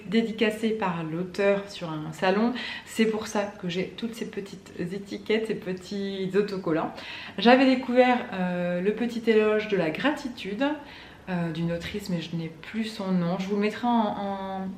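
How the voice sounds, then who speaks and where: Chatty woman book vlogger, echoey room. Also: mid-range voice. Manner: chatty, many fillers and restarts. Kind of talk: casual chat to camera. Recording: echoey room with faint ambient noise.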